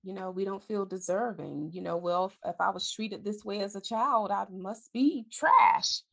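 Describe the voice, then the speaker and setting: A woman in her forties hosts a podcast, speaking at medium pitch and normal speed with a creaky voice. She talks candidly and chattily in casual conversation, correcting herself along the way.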